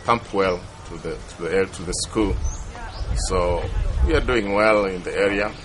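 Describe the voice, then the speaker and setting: A man from Tanzania speaking haltingly in an interview, repeating words. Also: deep voice. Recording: noisy outdoor recording.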